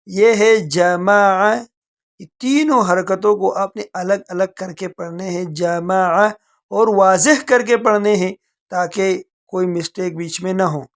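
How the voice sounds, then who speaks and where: Male Quran teacher giving a tajweed lesson: brisk explanations, very slow drawn-out recitation. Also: high voice. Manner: draws out recited words very slowly between brisk explanations.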